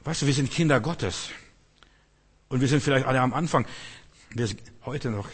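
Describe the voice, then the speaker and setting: A man's voice: mid-range voice, normal speed, husky. A man preaching a sermon, with emphatic repetition and frequent questions to his listeners. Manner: emphatic, repetitive, often asks the listeners "verstehst du". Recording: long echo of a large hall.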